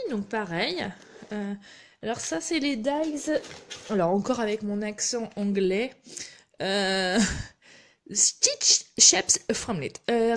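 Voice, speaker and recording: A woman's voice: a little high, slight background noise. A woman, chatting casually while she demonstrates a craft project on a live stream. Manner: chatty, narrates her hands-on work with little asides. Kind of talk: live craft tutorial chat.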